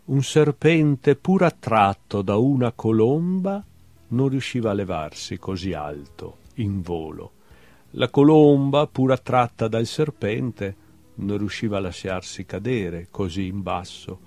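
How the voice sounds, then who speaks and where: A man's voice: fairly low pitch, expressive, a little slow, a little mellow, no room sound, soft background music. A man reading a playful little bestiary of short love fables aloud, with a wry, humorous recital in a TV studio talk show. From Veneto, Italy. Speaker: guest poet. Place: television studio.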